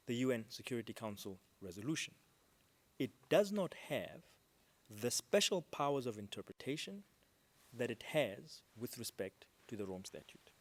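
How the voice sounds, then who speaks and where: Measured man arguing formally in court. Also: mid-range voice. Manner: measured, with frequent ums and stresses on key words. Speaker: counsel for a state at a court hearing. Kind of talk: formal legal argument.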